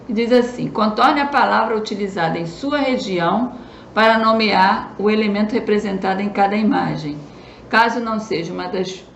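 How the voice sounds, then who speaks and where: A woman teacher with a Brazilian Southeast accent gives a remote lesson to children, explaining slowly and often checking in with a quick question. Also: medium pitch, gravelly, reverberant, muffled recording, slight background noise.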